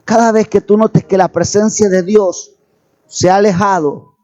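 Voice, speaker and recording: High-voiced man preaching a sermon. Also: fairly even intonation, a little slow, a little mellow, highs cut off, faint music behind. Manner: preaching, repeats phrases and has the congregation repeat them. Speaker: pastor. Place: church.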